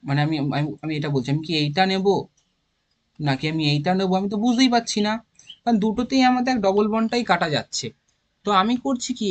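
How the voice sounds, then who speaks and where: A man with a Bengali accent explaining organic chemistry naming, thinking aloud and counting carbon atoms step by step. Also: high voice. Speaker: chemistry teacher. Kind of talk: informal classroom lesson.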